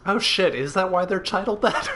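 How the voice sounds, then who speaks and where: A man's voice: sits high, animated, moderate pace, fairly bright tone, slight background noise. A young man streaming a video game, chatting casually and laughing often at his own jokes. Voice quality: giggly, joking, laughs often. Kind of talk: casual gameplay chat.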